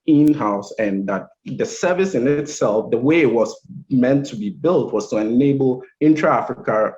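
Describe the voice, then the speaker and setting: Low-voiced man on a lo-fi panel call. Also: a little mellow. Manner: thoughtful, many restarts and fillers. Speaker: panelist, startup founder. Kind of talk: panel discussion answers.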